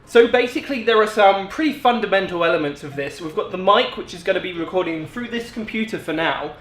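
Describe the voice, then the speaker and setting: Young british guy doing a chatty gaming vlog, bit higher voice, really echoey room. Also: expressive, quick pace, a bit bright. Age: 20s. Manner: chatty, informal explaining. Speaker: gaming video creator. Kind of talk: casual vlog chat. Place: echoey room in parents' house. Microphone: on-camera shotgun mic.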